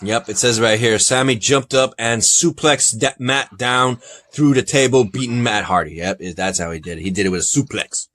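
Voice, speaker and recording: A man hosting a casual podcast review, talking in an animated way, reading results aloud and laughing often. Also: mid-range voice, moderate pace. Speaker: podcast host.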